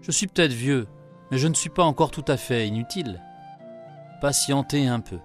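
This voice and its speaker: A man voicing an old male beggar with hidden powers, calm and threatening, in a storybook reading. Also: medium pitch, moderate pace, faint music behind, lightly acted. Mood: kindly.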